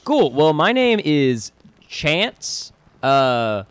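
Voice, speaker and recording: A man's voice: fairly high pitch, big pitch swings, drawn-out words, clear, resonant tone, no echo, heavily acted. A man playing a chatty, goofy lawyer and detective in an improvised comedy scene, rambling with many false starts.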